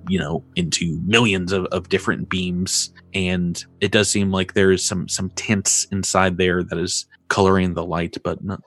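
A man's voice: low voice, level tone, moderate pace, hardly any pauses, a bit bright, soft background music. A man improvising tabletop game narration as game master, hesitant and thinking aloud.

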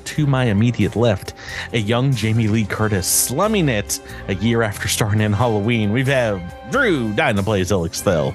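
A man runs a tabletop game, joking through the player introductions. His pitch swings up and down freely. Soft music plays quietly behind him. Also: expressive, normal speed. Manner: playful, jokey, laughs often. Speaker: game master. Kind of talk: casual actual-play chat and intros.

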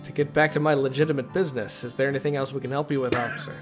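A man's voice: mid-range voice, fairly even intonation, very fast, over music. A man playing a tabletop game, hesitant and playful in his turns. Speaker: player. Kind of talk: casual tabletop play.

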